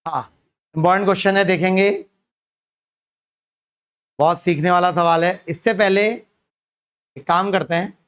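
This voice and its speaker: A man's voice: high voice, steady tone, unhurried, pauses often, fairly bright tone, smooth. A man teaching a physics lesson to students. He keeps asking them questions and then answers them himself. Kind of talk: classroom lecture.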